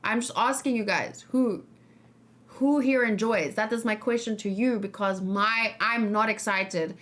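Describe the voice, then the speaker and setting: A woman hosts a livestream reaction and discussion, chatting casually with viewers. Her voice is medium in pitch and a bit bright, with a measured pace. She sounds emphatic and questioning, repeating key words for stress.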